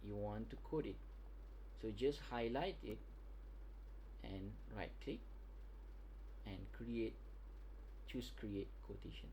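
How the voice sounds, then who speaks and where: A man's voice: on the low side, mellow. Malaysian man teaching in colloquial English, noisy recording. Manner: halting, repetitive, often checking listeners follow. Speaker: software trainer. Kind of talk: informal software tutorial to a class.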